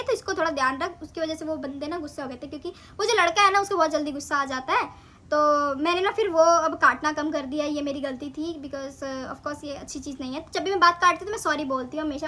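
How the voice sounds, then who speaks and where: A young woman with a high, bright voice tells her own stories in a relaxed vlog. She talks in a chatty, animated way, like someone recounting her days in clinical training. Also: a little hiss or hum. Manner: animated, chatty retelling of events. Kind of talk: casual storytelling vlog.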